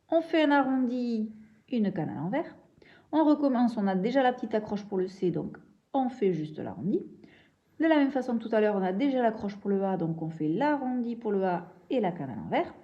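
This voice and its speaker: Young woman teacher, lively, slightly high voice, slow and patient, dull lo-fi home recording. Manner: patient, step-by-step, repeats sounds slowly. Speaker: primary school teacher. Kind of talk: remote reading and handwriting lesson.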